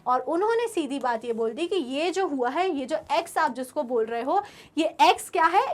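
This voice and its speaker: A woman's voice: high-pitched, a bit bright. A young woman teacher giving an online class lecture. She keeps asking her students questions and then answers them herself.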